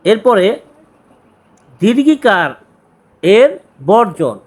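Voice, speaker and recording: A man teaching an exam-prep grammar lesson, who repeats key words and keeps asking quick check questions. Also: sits high, big pitch swings.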